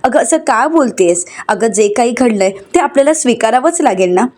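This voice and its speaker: A woman's voice: on the high side, expressive, normal speed, darkish tone. A woman voicing a scheming young woman who fakes grief, speaking with sweet pleading concern.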